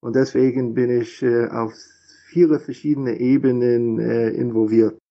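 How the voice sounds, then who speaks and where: Muffled audio captures a Philadelphia rabbi, middle-aged and a native English speaker with an American accent, as he answers an interviewer's questions. His medium-pitched voice is steady and a little slow, and he hesitates often, filling pauses and restarting sentences.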